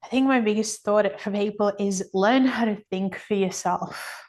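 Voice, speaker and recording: A woman with a medium-pitched, slightly mellow voice speaks at normal speed as a podcast guest, an author and energy healer. She explains her views at length in an earnest, emphatic manner, repeating phrases for weight.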